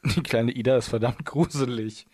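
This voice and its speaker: A man's voice: medium pitch, steady tone, normal speed, darkish tone, breathy edge, no echo, clean studio sound. A man co-hosting a casual chat, reading facts aloud in a playful, giggly way and stumbling over words. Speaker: podcast co-host.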